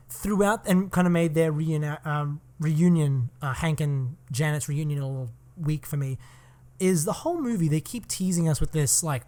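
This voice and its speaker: A man co-hosting a film podcast, giving long, opinionated critiques in casual talk and swearing often. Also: fairly high pitch.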